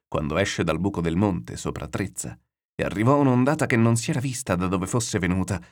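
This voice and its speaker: A man narrating a classic novel aloud in a steady, descriptive storytelling manner. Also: fairly low pitch. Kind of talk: literary read-aloud narration.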